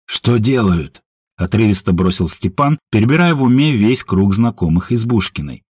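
Brief: lively male narrator, husky voice, dry close sound. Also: lowish voice, a little fast, no echo. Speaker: audiobook narrator. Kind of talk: scripted narration.

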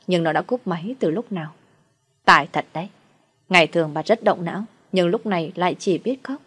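A woman reading a dramatic story in a steady storytelling delivery. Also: fairly low pitch, husky. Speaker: narrator. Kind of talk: scripted story narration.

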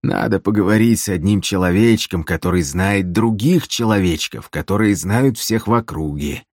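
A man's voice: fairly low pitch, normal speed, dry recording, studio quality, close to an everyday voice. A man doing a groaning hungover minstrel. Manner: moaning, groaning complaints. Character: hungover whiny drunk male minstrel, middle-aged.

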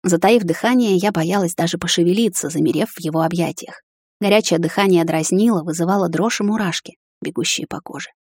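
A woman narrating a first-person fantasy romance audiobook in a quiet, even manner. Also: fairly low pitch, a little fast, breathy edge, dry recording.

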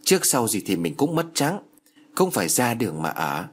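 A man voicing an anxious middle-aged husband and father who pleads helplessly, in a husky voice. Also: medium pitch, very animated, normal speed. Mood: resigned.

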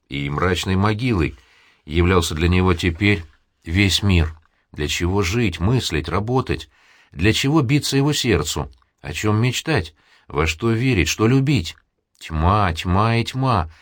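A man narrating an audiobook in a measured, expressive way. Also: low voice, no echo, studio quality. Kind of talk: dramatic audiobook reading.

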